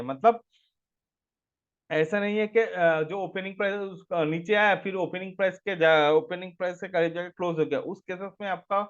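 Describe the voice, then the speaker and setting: A man's voice: sits high, muffled recording. A man teaching a live online class on stock trading. He explains each step and reads chart figures aloud, and he asks his audience to work out answers. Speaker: stock market trainer.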